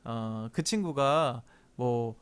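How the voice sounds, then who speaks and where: A man's voice: medium pitch, drawn-out words, clear, resonant tone. A man preaching a conversational youth sermon as a pastor, telling stories and acting out quoted voices. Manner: animated storytelling, acts out quoted voices.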